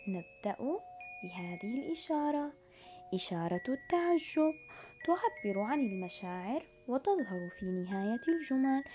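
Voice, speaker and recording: A woman with a fairly high voice presents a scripted lesson to young schoolchildren. She speaks didactically, as if dictating, setting out examples and prompting her pupils. Clearly audible music plays behind her. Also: mellow. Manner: addresses pupils with praise and prompting questions. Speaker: primary school Arabic teacher. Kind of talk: scripted lesson narration for children.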